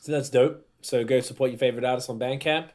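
A man's voice: mid-range voice, steady tone, fast talker, a little mellow. A man hosting a podcast in casual chat, rambling and slangy, often hunting for words. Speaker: podcast host.

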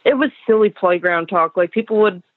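A woman's voice: mid-range voice, fairly quick, no echo. A young woman on a phone call heard through speakerphone, talking in a hesitant, self-conscious way. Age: young adult. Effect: heard over a phone speaker. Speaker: caller. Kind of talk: casual phone chat. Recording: tinny phone line.

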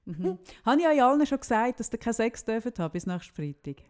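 A middle-aged woman with a Swiss German accent, co-hosting a podcast and chatting in a lively, free-associating way. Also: on the high side. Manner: animated, free-associating, quick asides. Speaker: podcast co-host. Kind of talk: casual chat, storytelling.

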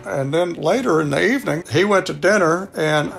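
Telling a personal tale in a homespun way, this older storyteller from Texas voices the dialogue himself for a radio show. He speaks at a normal speed in a fairly high, creaky, fairly bright voice with a Texan accent.

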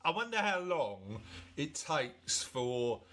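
A middle-aged English-accented man hosts in a casual, conversational way. His voice sits a little higher than most men's. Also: very animated, takes it slowly, fairly bright tone, slight background noise. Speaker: podcast host. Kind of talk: casual presenting and chat.

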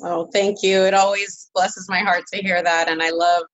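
A woman's voice: on the low side, flat delivery, moderate pace, fairly bright tone, no echo. A woman from San Francisco, a podcast guest, answering questions earnestly and reflectively with many fillers. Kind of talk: interview answers.

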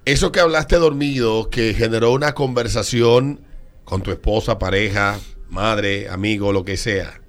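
A man's voice: on the low side, a little slow. A man hosting a casual radio talk show, joking and exclaiming often.

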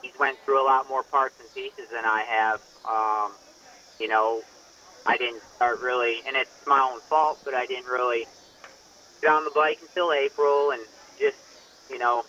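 A man on a call-in interview with a connection that keeps breaking up. He talks in a halting, plain-spoken way with many fillers. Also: mid-range voice, steady tone, bright, forceful tone. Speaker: guest racer. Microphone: phone call. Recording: dull lo-fi call line with faint hiss.

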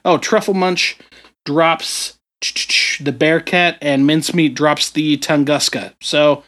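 A man's voice: a little high, steady tone, slow pace, a bit bright. A man co-hosting a casual gaming podcast, rambling along with many fillers and restarts. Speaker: podcast co-host.

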